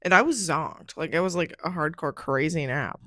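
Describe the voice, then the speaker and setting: A woman's voice: deep voice, normal speed, fairly bright tone, no room sound. Chatty young woman podcast host, dry sound. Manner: chatty, fills speech with "like". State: groggy from a recent nap. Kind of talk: casual solo storytelling chat.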